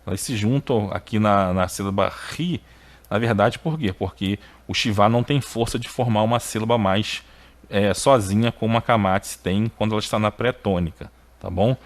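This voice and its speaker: A man giving a video lesson on biblical Hebrew. He is emphatic, keeps checking with short tags, and his pitch jumps up when he stresses a point. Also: moderate pace. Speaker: Hebrew teacher.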